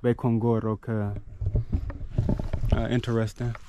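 A man in his thirties chatting casually to camera in a relaxed, conversational way while exploring outdoors. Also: medium pitch, unhurried. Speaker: travel vlogger. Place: outdoors on forest trails and dirt roads. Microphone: action camera at arm's length. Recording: noisy outdoor camera recording, engine and nature ambience.

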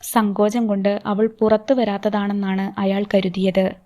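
A woman narrating a novel as an audiobook, with slow, even storytelling delivery. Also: mid-range voice. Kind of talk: novel reading.

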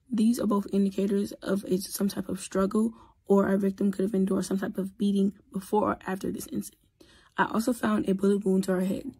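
A woman playing a matter-of-fact crime investigator with a very husky voice. She speaks in a flat, even line. Her tone is dark and mellow. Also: medium pitch.

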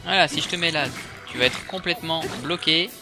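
A man's voice: on the high side, fairly quick. A man with a French accent casually commenting on his video game as he plays, reacting aloud and talking to the enemies. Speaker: video game let's player. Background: game music.

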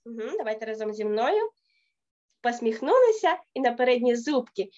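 A woman's voice: on the high side, sing-song, moderate pace, a little mellow, muffled recording. A woman vocal teacher leading a children's online singing lesson, patiently coaxing and counting in, a little ill with a cough. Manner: patient, coaxing, counts in and models chants and melodies.

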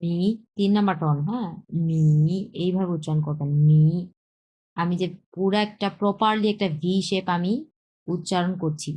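Woman teaching beginner Chinese slowly. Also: on the low side, darkish tone, poor audio. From Bangladesh. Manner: repeats words slowly, mixes English terms. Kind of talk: slow explanatory lesson with drilled pronunciation.

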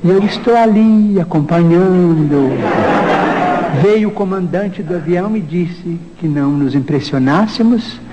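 A man with a Brazilian Portuguese accent, a documentary interviewee who tells an anecdote in an animated way and acts out the dialogue he quotes. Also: on the high side, dull audio. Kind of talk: recounting an anecdote. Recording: reverberant space with clear background noise.

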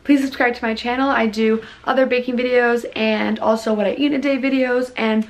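Fillers like "um" and "like" pepper this baking vlogger's chatty, casual tutorial from her home kitchen. The young woman sounds bubbly, with a fairly high pitch and a steady tone at a brisk pace.

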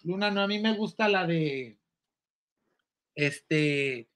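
A campy, exclamatory man hosts a gossip chat. His voice sits high and sounds bright and sharp. He reads viewer comments aloud with flair. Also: animated, slow pace. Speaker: show host.

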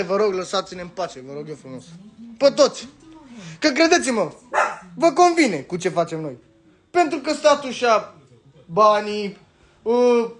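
A young man from Romania, a rapper, delivering a heated, insulting rant that swings between shouting and muttering. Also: high-pitched. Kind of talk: angry rant to camera.

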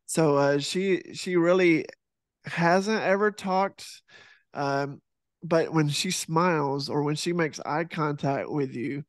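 A man's voice: on the high side, takes it slowly, no room sound, studio quality. A man in his thirties from Texas, a podcast guest talking earnestly over a video call, with frequent restarts and fillers. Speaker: podcast guest, fitness instructor and author. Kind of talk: casual video-call interview. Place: home room with poster behind. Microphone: headset mic on boom arm over video call.

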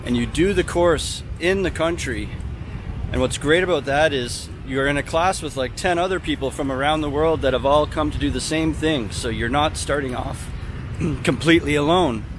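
Speaking at a medium pitch, the man in his thirties, a travel vlogger and English teacher, walks through a city park and temple grounds explaining things casually to a camera held out at arm's length. Traffic and general city noise run in the background.

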